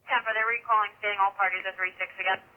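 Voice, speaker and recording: A woman's voice: medium pitch, fairly even intonation, rapid-fire. A woman dispatcher reading out police calls in a clipped, businesslike way over two-way radio. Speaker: emergency dispatcher. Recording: tinny phone-like police scanner audio.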